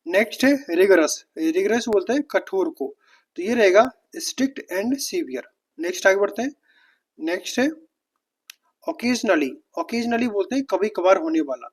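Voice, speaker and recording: Husky man drilling vocabulary steadily. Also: high voice, rough recording. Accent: Hindi-accented English. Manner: steady word-by-word drill, slows down on English synonyms. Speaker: vocabulary teacher. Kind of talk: exam-prep vocabulary lesson.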